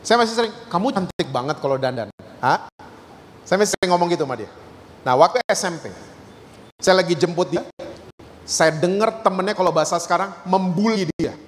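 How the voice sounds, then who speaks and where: A middle-aged man preaching a sermon as a pastor, telling stories with animated acted-out quotes and mixing in English words. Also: sits high, a little fast, long pauses, big-room sound, slight background noise. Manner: animated storytelling, acting out quotes.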